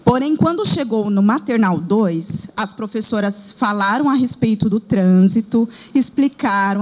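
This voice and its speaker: A woman with a Brazilian Portuguese accent recounts a classroom episode with earnest storytelling, her voice sitting a little high. She speaks as a daycare director sharing a report at a workshop. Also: darkish tone, poor audio. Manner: earnest storytelling, reenacting dialogue.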